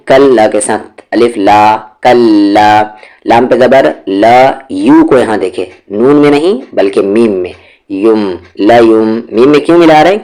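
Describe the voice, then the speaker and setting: A man's voice: medium pitch, darkish tone. A man teaching Quran recitation in a lesson, spelling out syllables one at a time and then drawing out the joined word.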